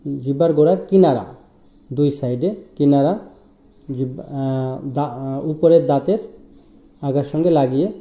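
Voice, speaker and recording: A man teaching Quranic letter pronunciation in a slow, patient lesson, drawing out each sound as he demonstrates it. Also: mid-range voice. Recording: roomy, dull lo-fi sound.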